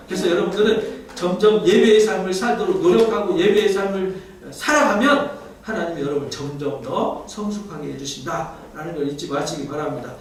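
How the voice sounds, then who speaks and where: A man's voice: high voice, a little hiss or hum. A male pastor giving a Sunday sermon in a conversational way, often putting questions to the congregation and leading it in reading scripture aloud. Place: church sanctuary. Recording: echoey church hall, mic at a distance.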